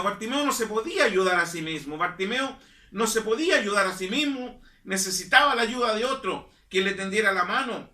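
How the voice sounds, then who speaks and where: A pastor preaching in a high, bright, ringing voice, repeating his lines for emphasis. He sits back from the microphone in an echoey church hall. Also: recorded from a distance. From Chile. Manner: emphatic preaching, repeats phrases, calls listeners "hermano". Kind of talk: sermon. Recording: echoey room, voice from off-mic.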